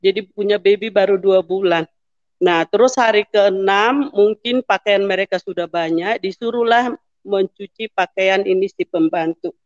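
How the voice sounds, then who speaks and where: A woman's voice: mid-range voice, moderate pace, no room sound, lo-fi sound. A woman in her fifties giving an emotional testimony to a pastor, acting out the dialogue and rising into pleading prayer.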